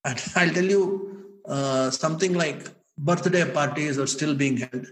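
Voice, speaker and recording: An older man with an Indian accent telling memories in an animated, emphatic, conversational way, often addressing the listener as sir. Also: a little high, measured pace, low-quality recording. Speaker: former bank inspector telling memories. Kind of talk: conversational storytelling.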